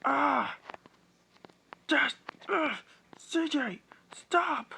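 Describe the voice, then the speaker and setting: Brief: man voicing a shrill, panicked young woman, lively pitch, noisy room. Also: takes it slowly, creaky, full character voice. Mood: frantic. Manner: high, strained, cries out. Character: frantic young woman pleading with a friend.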